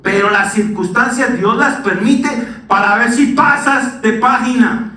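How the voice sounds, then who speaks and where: A middle-aged man preaching a sermon as pastor, animated and swinging down to a hush. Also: very high voice, unhurried, distant mic. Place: church. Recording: echoey church hall, voice from the mic.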